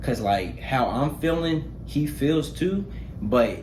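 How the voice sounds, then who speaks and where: A man chatting casually in a halting, repetitive way, often leaning on the word "like". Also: medium pitch, animated, darkish tone. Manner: halting, repetitive, heavy use of "like". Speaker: reaction show host. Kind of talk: casual chat. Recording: echoey room with clear noise.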